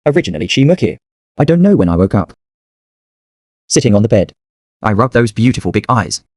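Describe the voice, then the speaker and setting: A man narrating a first-person story in a lively, sing-song reading style. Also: lowish voice, a little fast, no room sound, clean studio sound.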